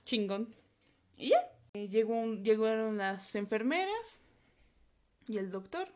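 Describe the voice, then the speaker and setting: A woman's voice: on the high side, big pitch swings, measured pace, a little mellow. A woman with a Mexican accent telling a funny personal anecdote, crude and slangy, full of swearing. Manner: crude, profanity-laced, slangy storytelling.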